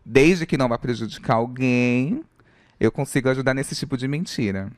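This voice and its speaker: A man's voice: mid-range voice, expressive, normal speed, no echo. Joking Brazilian man in casual chat. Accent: Brazilian Portuguese. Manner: loose and joking, with frequent fillers.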